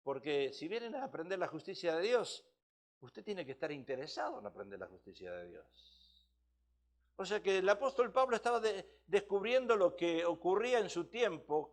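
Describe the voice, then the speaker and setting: Male pastor, high voice, emphatic teaching sermon with rhetorical questions.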